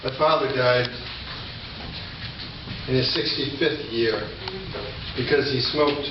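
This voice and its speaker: In a very echoey indoor reading venue, an older man, a poet, gives a slow, steady-toned reading of his poetry with casual introductions between pieces. His pitch is medium, and the distant mic leaves the recording dull and noisy.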